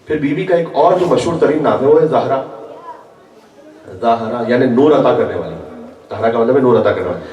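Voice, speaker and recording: Picked up from a distance in a large, echoey hall, this sermon comes from a male guest preacher who blends chanted quotations with explanation. His medium-pitched voice pauses often, and the audio sounds dull.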